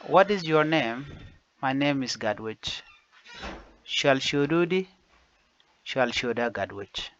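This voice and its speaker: Slow-paced male teacher. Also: mid-range voice, expressive, fairly bright tone, slight background noise. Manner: repeats each phrase slowly, switching between two languages. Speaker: language teacher. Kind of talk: slow phrase-by-phrase language lesson. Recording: dull lo-fi dry recording.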